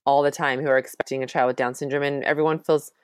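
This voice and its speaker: A woman's voice: a bass voice, fairly even intonation, fast, smooth, no echo, studio quality. A woman in her thirties, a mother raising two children with Down syndrome, speaking as a guest in an interview in an earnest, reassuring way with many fillers. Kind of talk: conversational interview.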